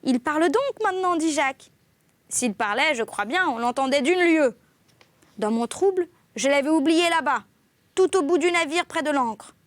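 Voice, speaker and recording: A woman reading a classic novel aloud in an expressive literary style, lifting her voice on exclamations. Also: high voice, normal speed, no room sound. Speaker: audiobook reader.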